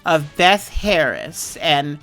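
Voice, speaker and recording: A man's voice: fairly high pitch, very animated, takes it slowly, a bit bright, soft background music, full character voice. A man voicing a chatty, bitter middle-aged woman who rambles through a story of grievances, as an improvised comic character. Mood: wistful, aggrieved.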